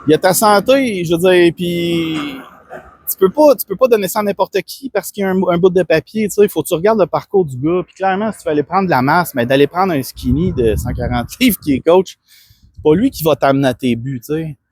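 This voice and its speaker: A fitness coach from Quebec, speaking with a Québécois French accent, rambles earnestly through a casual self-promotional monologue full of restarts and fillers. His voice is high-pitched, brisk, a little mellow and husky, with lively intonation. The recording is dry.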